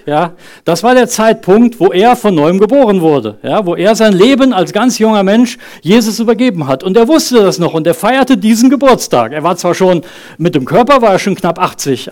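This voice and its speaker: A man's voice: sits high, darkish tone. A man in his thirties preaching a sermon in an earnest, conversational way, asking the congregation questions and leading a prayer. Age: 30s. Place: church service.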